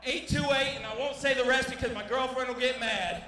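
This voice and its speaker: A man's voice: very high voice, fairly even intonation, a little fast, noisy background. A man, a fighter, giving a brash, boastful post-fight promo into a handheld mic in an arena. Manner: brash, boastful, shouting over the crowd. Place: convention center arena. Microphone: handheld interview mic. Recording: echoey arena hall from far off.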